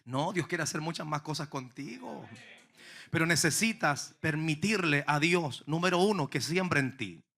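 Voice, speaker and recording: A man's voice: on the high side, lively intonation, moderate pace, sharp tone. A man pastor preaching a sermon to his congregation, fervent and emphatic.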